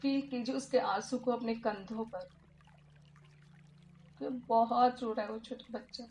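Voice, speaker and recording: Woman leading a soft, emotive meditation. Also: fairly high pitch, fairly even intonation, unhurried, slight background noise. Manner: soft, emotive, often drops to a hush. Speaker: meditation teacher. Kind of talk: guided meditation.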